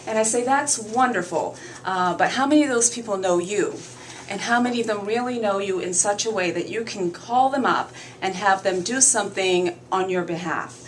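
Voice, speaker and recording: A woman from Barbados, a guest author in a radio interview, speaking earnestly and in measured phrases with frequent fillers. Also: mid-range voice, slight background noise, rough recording.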